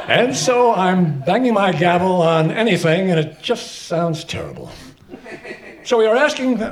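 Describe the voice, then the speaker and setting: A man playing a flustered, evasive transit official, loudly addressing a crowd at an event in a live comic radio play. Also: sits high. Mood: flustered, officious. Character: flustered, evasive male transit official running a public meeting.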